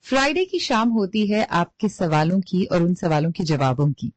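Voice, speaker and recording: A woman hosting a live call-in radio show with a smooth radio-host delivery, moving briskly between two languages. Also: fairly low pitch, sing-song, no room sound. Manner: brisk, mixes Hindi and English. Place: radio studio.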